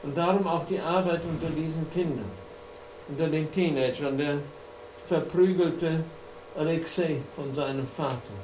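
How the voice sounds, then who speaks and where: Preacher guy, slow earnest sermon w slides, roomy echo, bit of hum. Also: fairly high pitch, darkish tone. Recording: echoey room with faint hum.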